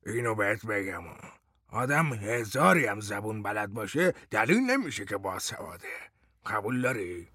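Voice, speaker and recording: Guy doing a cranky old street oddball, husky, bossy, pitch jumping all over, dry close sound. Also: very animated, pushed and bright, dry recording, exaggerated voice. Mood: condescending. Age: older. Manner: prickly, condescending and quick to contradict. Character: eccentric older male street wanderer, touchy and self-important. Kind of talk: audiobook character voice.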